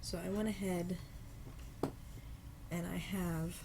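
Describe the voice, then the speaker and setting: A low-pitched woman with a cold, her voice stuffy and marked by vocal fry, guides viewers through making earrings in a casual step-by-step tutorial at her home craft table. She is calm and slow-paced, sometimes pausing to apologize, while a faint hiss sits behind her.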